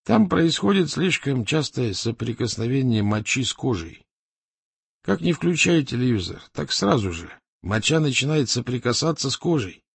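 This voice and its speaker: A man reading an audiobook, voicing a stubborn middle-aged warlord who questions in a deliberate, insistent way with a husky voice. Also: mid-range voice, sing-song, no echo, voice pushed up, full character voice.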